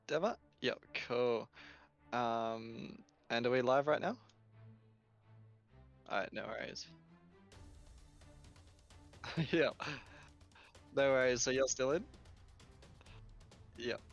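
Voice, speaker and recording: A man's voice: medium pitch, takes it slowly, pauses often, lo-fi sound, soft background music. A man with an Australian accent chatting casually as a guest commentator on a live sports stream.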